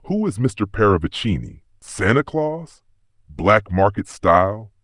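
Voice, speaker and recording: A man reads a young wife, anxious and pleading, in a voice lifted above his usual low register. The tone stays husky and dry. It is an audiobook mystery. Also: very animated, unhurried, fairly bright tone, no echo, exaggerated voice. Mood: shaken. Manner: shaken, pleading.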